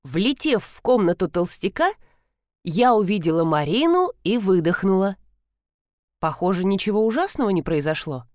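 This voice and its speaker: Brief: woman audiobook narrator, wry comic delivery, very animated pitch, dry close sound. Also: moderate pace, no echo. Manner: wry, lively storytelling. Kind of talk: first-person audiobook narration.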